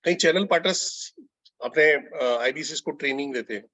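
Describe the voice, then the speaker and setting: A man's voice: on the high side, normal speed, bright, forceful tone, dry recording. A man, a business consultant, giving a conversational training lecture to telecallers and putting questions to his audience. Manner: conversational, mixing Hindi and English, asks the audience questions. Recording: dull lo-fi sound, dry.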